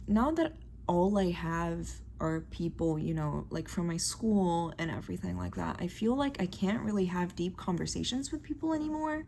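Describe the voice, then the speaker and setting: Young woman from Brazil, Portuguese speaker, hesitant and rambling in a casual diary vlog, low-pitched, faint background noise. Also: creaky, a little mellow. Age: young adult. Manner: rambling, hesitant, many fillers. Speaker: vlogger.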